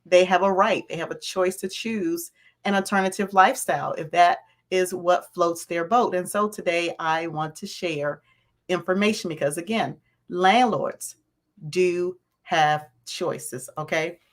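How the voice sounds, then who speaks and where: A woman with a raspy voice hosting a live stream, greeting viewers by name and repeating her points. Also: on the low side, a little slow. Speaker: host of a livestream on landlord and tenant topics.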